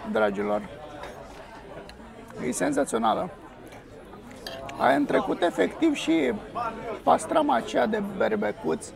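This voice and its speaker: This young man's voice sits high and carries vocal fry as he eagerly reviews food for a camera resting on the table. A food vlogger at an outdoor restaurant terrace, he exclaims while tasting, with terrace diners chattering behind him.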